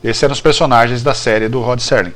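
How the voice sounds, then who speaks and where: Speaking fast in a fairly bright, mid-range voice with fairly even intonation, a Brazilian guest writer shares behind-the-scenes history of a TV series. It's animated, casual interview storytelling, full of repeated phrases and check-ins with the listener.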